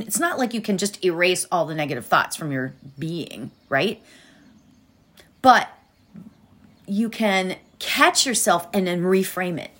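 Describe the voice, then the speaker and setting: A woman teaching meditation and positive thinking in an informal, encouraging manner, repeating phrases for emphasis. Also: mid-range voice. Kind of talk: guided meditation and motivational coaching.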